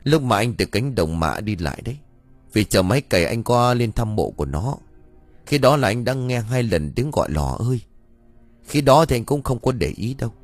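A man's voice: mid-range voice, very animated, normal speed, no room sound, soft background music. Man doing a shaken village husband. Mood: uneasy. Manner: uneasy, bewildered, hesitant.

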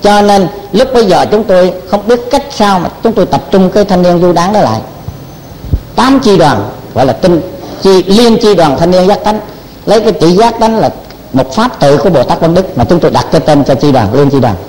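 An older man, a Buddhist monk teacher telling stories in a sermon, animated and repeating words as he acts out what people said. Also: high voice, brisk. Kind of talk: storytelling sermon. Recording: long hall reverb.

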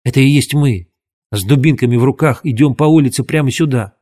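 A man voicing an earnest, imaginative boy who talks in quick, hushed, urgent bursts in a storybook reading. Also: medium pitch, close to an everyday voice. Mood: explaining.

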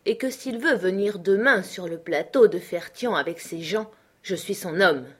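A woman's voice: mid-range voice, normal speed, slightly rough, natural voice. A woman reading the part of a proud, furious rich old village man who blusters and threatens.

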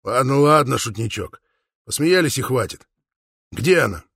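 A man's voice: medium pitch, animated, normal speed, creaky, a bit bright, breathy edge, no room sound, clean studio sound, exaggerated voice. A man voicing an eager, impatient young man in his own voice.

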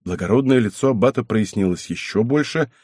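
A man narrating a historical novel as an audiobook, reading in a measured, expressive way. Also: fairly low pitch, breathy edge, dry recording, studio quality.

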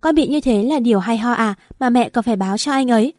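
A woman voicing a distraught, sharp-tongued young pregnant wife in an audio story, raised and loud. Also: on the high side, fast, no room sound, clean studio sound, natural voice. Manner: shouting, rude.

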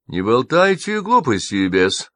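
A man's voice: big pitch swings, a little slow, sharp tone, no room sound, studio quality. A man reading an audiobook, voicing a tiny, spiteful old woman who shrieks and sobs in hysterics. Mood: indignant. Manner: shrieking, shrill and tearful. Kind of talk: audiobook character voice.

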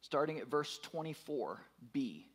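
A man's voice: a little high, very animated, measured pace, husky. A man in his fifties preaching a sermon, emphatic, repeating his words and putting questions to the congregation. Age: 50s. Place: church.

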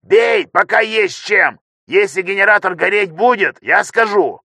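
Лёня, a man doing a shrill panicky technician. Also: normal speed, no echo. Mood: panicked yelling. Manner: excitable, shrill yelling. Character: panicky chubby young male ship technician.

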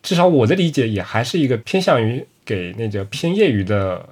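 A man hosting a casual podcast, chatty and relaxed, dropping English words into his talk. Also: medium pitch, fairly quick, breathy edge. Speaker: podcast host.

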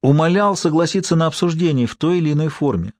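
A man reading an audiobook voices a woman in her early thirties who speaks in a quiet, faltering voice and grows indignant. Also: fairly high pitch, quick pace, no room sound, studio quality, pitched above the performer's own voice, close to an everyday voice. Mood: impassioned.

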